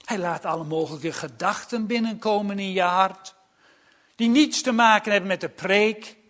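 A man's voice: sits high, moderate pace, a bit bright. A male preacher giving a sermon in an earnest, emphatic and warning manner.

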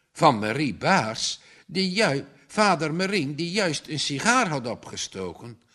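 Male storyteller, measured read, slow and unhurried, expressive. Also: on the high side. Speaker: narrator. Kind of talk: storybook reading.

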